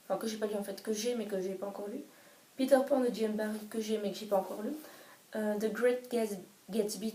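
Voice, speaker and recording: A woman's voice: mid-range voice, a little mellow. A woman chatting casually about a favourite book, hesitant and full of restarts. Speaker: book vlogger. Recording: roomy echo, distant mic, faint hiss.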